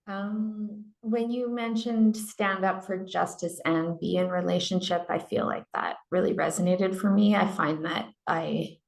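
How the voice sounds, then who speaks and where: A woman's voice: lowish voice, fairly even intonation, a little slow, creaky, hardly any pauses. A woman in a workshop discussion on a video call, speaking earnestly and with frustration and acting out quoted remarks. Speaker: workshop participant. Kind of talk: candid discussion.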